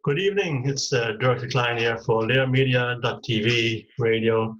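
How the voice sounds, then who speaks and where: A man's voice: mid-range voice, normal speed, a bit bright. A man hosting an interview, asking questions hesitantly and searching for words, on dull lo-fi audio. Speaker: host.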